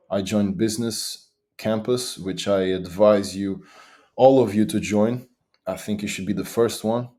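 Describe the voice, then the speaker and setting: Young man from Portugal, eager interview guest, low dark voice, quick restarts. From Portugal, Madeira. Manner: eager, talks fast with restarts. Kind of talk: interview answers.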